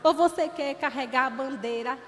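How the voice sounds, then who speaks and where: A woman in her thirties preaching a sermon with animated storytelling. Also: high voice, moderate pace. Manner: animated storytelling, acting out dialogue. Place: church hall. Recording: reverberant church hall, faint noise.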